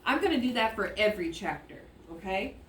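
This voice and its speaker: An elementary teacher leads a children's read-aloud in an echoey classroom, recorded from some distance in a roomy, slightly noisy way. Her mid-range voice is sing-song and brisk. She thinks aloud as she reads, with musing hums and exclamations, and keeps checking that the kids are following.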